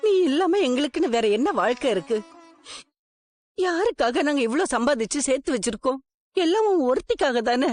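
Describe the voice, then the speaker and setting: Middle-aged mother, worried, soothing, high lively voice, dry sound. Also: fairly quick, no room sound. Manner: soothing, pleading. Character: mother Chinthamani, gentle and worried. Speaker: wife and mother. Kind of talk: TV serial acting.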